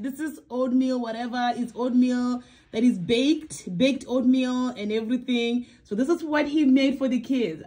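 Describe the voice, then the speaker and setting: A woman chatting casually in a home vlog, warm and emphatic, repeating phrases for effect. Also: a little high. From Botswana. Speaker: vlogger.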